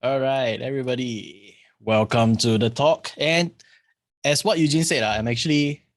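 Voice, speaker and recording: A man's voice: medium pitch, normal speed, dry recording. Singaporean man, 20s, presenter, earnest, dry sound, filler-heavy. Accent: Singaporean English. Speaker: guest speaker. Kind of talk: webinar presentation.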